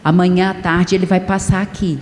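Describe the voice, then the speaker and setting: A soothing, patient army nurse, told by a woman preacher, in a soft, mellow voice. The voice echoes in a large hall. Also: lowish voice, little pitch movement, a little fast, lightly acted. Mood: gentle. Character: gentle female army nurse.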